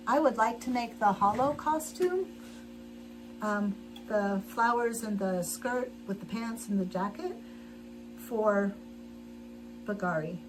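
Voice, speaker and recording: With background noise audible, a woman with a fairly high-pitched voice hosts a livestream from her home sewing room. Middle-aged and casual, she chats while sewing, wandering off topic, restarting frequently, and laughing.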